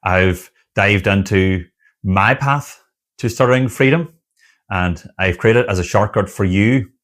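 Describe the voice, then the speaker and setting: This motivational to-camera talk comes from an online community founder who coaches people who stutter. His voice is low yet fairly bright, and he sounds earnest and encouraging, repeating list-style phrases and pausing often.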